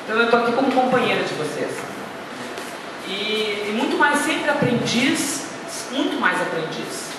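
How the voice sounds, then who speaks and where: An expressive woman with a fairly high voice speaks at a moderate pace in an informal guest lecture. She keeps it chatty and anecdotal, often poking fun at herself. The audio, taken in an echoey hall far from the mic, is noisy.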